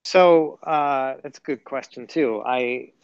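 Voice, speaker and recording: A man's voice: mid-range voice, slow, smooth, no echo. Guest calling in, a man on a choppy Bluetooth cell line that drops out, muffled and dry, loose and apologetic. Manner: easygoing, apologetic, rambling with restarts. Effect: Bluetooth phone line cutting out. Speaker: podcast guest. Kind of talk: casual chat. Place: outdoors at home. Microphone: cell phone over Bluetooth.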